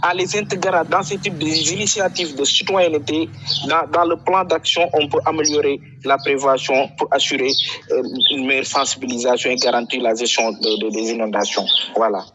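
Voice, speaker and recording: A man from Senegal, answering interview questions about flooding in a halting way, full of fillers and repeated words. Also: on the high side, fairly even intonation, noisy background. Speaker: flood prevention activist, guest.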